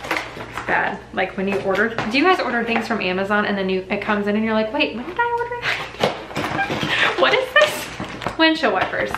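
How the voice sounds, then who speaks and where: A young woman vlogging as a mom, chatting enthusiastically about her haul, full of "like" and excitement. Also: on the high side, moderate pace. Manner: bubbly, enthusiastic, chatty with many likes. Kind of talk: casual haul chat to camera. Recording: echoey room with faint background hum.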